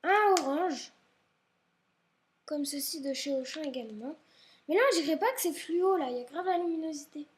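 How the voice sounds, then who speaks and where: This high-voiced young woman talks at an ordinary pace but pauses often, vlogging inside her home. She rambles through a casual show-and-tell of her school supplies, repeatedly apologizing, and sounds a little unwell with a possibly stuffy nose.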